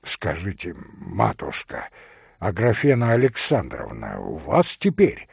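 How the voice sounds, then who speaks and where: A frantic, hot-tempered young man with an urgent, lively voice that is full of swings, as a male reader plays him. The voice is gravelly and slow-paced, recorded close and dry. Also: low voice, dry recording, voice pushed down, heavily acted. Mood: anxious. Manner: shouting, urgent. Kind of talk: audiobook reading.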